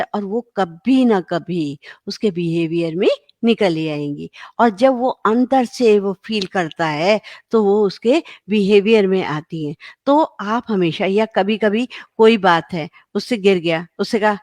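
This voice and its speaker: Brief: middle-aged woman, parenting educator, animated delivery, dry close mic. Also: mid-range voice, a little slow, no room sound. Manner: lively, acts out parents and children in quoted voices. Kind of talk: parenting talk to camera.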